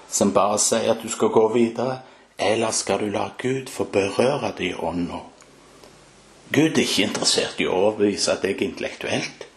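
A man preaching a fervent sermon, with emphatic rises and exclamations. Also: on the low side. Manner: fervent, rising to emphatic peaks. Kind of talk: Pentecostal-style sermon.

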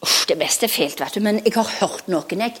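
A woman preaching to children, telling a Bible story in an animated, slow and emphatic way, sometimes dropping to a whisper. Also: medium pitch, breathy edge.

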